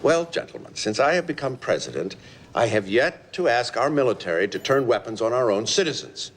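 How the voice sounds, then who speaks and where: Firm president, lively intonation. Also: male voice, mid-range voice, fairly quick, husky. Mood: firm, resolute. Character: firm, principled American president in a crisis. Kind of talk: TV disaster film acting.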